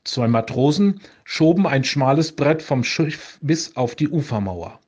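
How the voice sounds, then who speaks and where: A pastor reading a saint's legend aloud for a radio show, calm and measured. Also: male voice, a little high, breathy edge, highs cut off.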